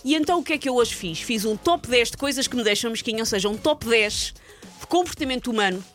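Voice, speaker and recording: A woman's voice: fairly high pitch, animated, fast talker, a bit bright, soft background music. A woman host with a European Portuguese accent, ranting sarcastically in comic chat-show banter.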